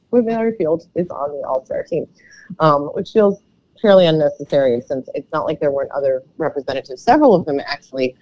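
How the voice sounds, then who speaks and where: Low froggy-voiced woman, lively intonation. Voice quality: froggy, slightly croaky voice. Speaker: sports podcast co-host. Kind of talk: casual sports commentary. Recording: dull, lo-fi microphone sound.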